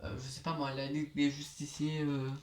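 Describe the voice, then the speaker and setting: A man's voice: fairly high pitch, little pitch movement, slight background noise. Young man with a slushy lisp. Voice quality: slushy lisp, s sounds like sh, from braces. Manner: halting, hesitant, filler-heavy. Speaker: host of a comic book collection video series. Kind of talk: casual vlog presentation.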